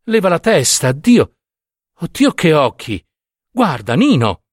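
A man voicing a young wife who is impulsive, full of pity and horror, pleading and shrill with upset. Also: very animated, slow, no room sound, studio quality, exaggerated voice. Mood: horrified.

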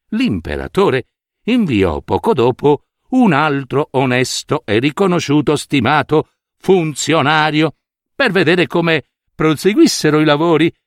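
A man reading a fairy tale aloud, expressive and playful, with occasional asides. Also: fairly high pitch, no echo, studio quality. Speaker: storyteller.

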